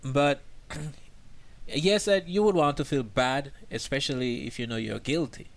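A man's voice: medium pitch, a little slow, vocal fry. A man from Jamaica, a seminary student, talking in a thoughtful, hesitant way with many fillers. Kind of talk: casual discussion.

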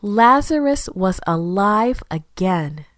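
A woman reads a Bible story to children at an unhurried, careful pace, giving each line plenty of expression. Her voice sits in an ordinary middle range and sounds close and dry, with no room around it. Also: medium pitch, no room sound. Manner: slow, careful, expressive reading.

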